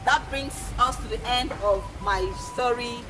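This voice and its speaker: With music behind her and poor audio quality, a woman with a Nigerian accent and fairly high pitch narrates folktales for children at an unhurried pace. As an educator, she teaches by repeating key points and asking questions.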